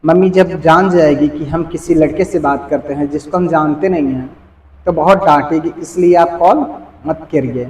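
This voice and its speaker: A man voicing a young woman on the phone, quoting her softly and hushed while telling a story. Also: a little high, moderate pace, roomy sound, long reverb tail, a little hiss or hum, close to an everyday voice, rough recording.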